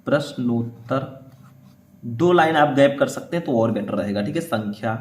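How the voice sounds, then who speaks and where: A man teaching how to write board exam answers. He explains step by step, checks in often with short confirmations, and reads passages aloud slowly. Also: mid-range voice, lively intonation, reverberant, a little hiss or hum. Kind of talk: board exam writing lesson.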